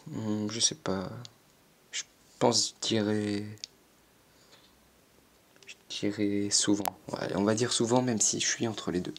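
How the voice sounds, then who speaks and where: A fourteen-year-old YouTuber reads and answers online quiz questions in a lowish, fairly even voice, taking it slowly with many pauses. He sounds hesitant and self-mocking, with frequent stammers and fillers.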